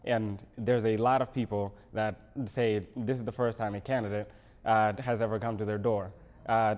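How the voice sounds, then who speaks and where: In a local TV studio, a city council candidate from Senegal responds to interview questions, speaking in a measured way with many pauses. His voice sits on the low side and sounds a little mellow.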